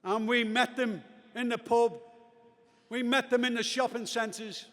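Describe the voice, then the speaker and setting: Hoarse Australian union man in a hall. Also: extremely high pitch, steady tone, measured pace. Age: older. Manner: rousing, rising to shouted emphasis. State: losing his voice. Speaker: union speaker. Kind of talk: keynote speech. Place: large convention hall. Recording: reverberant convention hall.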